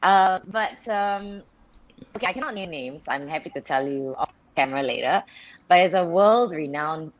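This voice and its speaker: A Singaporean radio presenter joins a live video call as a guest, telling chatty stories in a lowish, animated voice at normal speed, often restarting sentences and laughing. The recording's highs are cut off.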